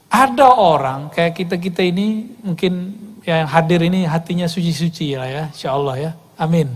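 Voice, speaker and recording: Lively male Indonesian preacher. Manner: lively, shifts pitch often, acts out voices and asks the audience. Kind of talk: sermon.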